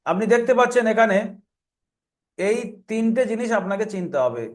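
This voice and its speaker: A man's voice: sits high, lively intonation, normal speed. A man teaching Quran reading as a step-by-step tutorial, explaining each rule and then drilling letter sounds aloud in a repeating chant.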